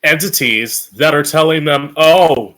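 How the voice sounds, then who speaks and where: A man's voice: fairly high pitch, expressive, takes it slowly, sharp tone. An American man hosting as a drag queen, giving an opinionated political monologue to camera in a campy, sassy, blunt manner with swearing. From Florida, United States. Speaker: drag queen host of a political commentary show.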